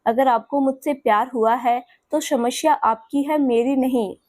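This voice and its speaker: A woman's voice: high voice, steady tone, measured pace, no room sound. A woman voicing a bitter, defiant young woman. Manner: sharp, defiant and tearful.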